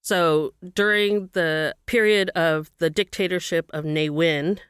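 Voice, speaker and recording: A woman's voice: lowish voice, steady tone, a bit bright, smooth, no room sound, clean studio sound. A middle-aged woman from Burma, raised in California, speaking as an interview guest, thoughtfully explaining her background and work. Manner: thoughtful, explanatory, with occasional pauses. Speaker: guest, professor. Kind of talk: interview, personal account.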